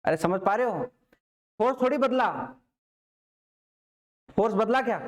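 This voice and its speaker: Man, physics teacher, raised pitch, casual class lecture, repeats his questions. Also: measured pace.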